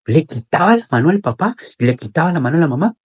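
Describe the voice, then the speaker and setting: A man telling a children's story in an expressive, repetitive way with dramatic pauses. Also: fairly high pitch, slightly rough.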